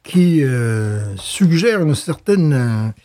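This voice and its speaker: A man's voice: mid-range voice, sing-song, extremely slow, mellow. A man co-hosting a casual beer-tasting podcast chat, talking hesitantly with frequent restarts and fillers. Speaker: podcast co-host.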